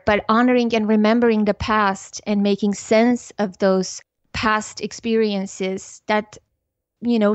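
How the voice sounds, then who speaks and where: A woman, a guest on a podcast, speaking in an earnest, measured, thoughtful way. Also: fairly high pitch, no echo. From Armenia. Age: 40s. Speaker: podcast guest, parenting educator. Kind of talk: reflective interview talk. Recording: slightly muffled dry recording.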